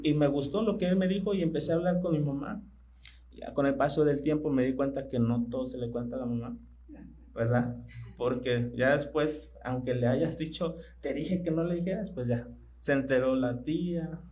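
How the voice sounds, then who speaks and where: A man preaching a sermon in church, speaking conversationally and asking his congregation questions that he pauses to let them answer. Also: on the high side, mellow, low-quality recording.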